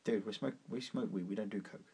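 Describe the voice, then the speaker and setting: A man's voice: lowish voice, creaky, darkish tone, slightly rough. A man co-hosting a podcast in casual chat, bantering and teasing his friend. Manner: teasing, quick-witted banter. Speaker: podcast co-host.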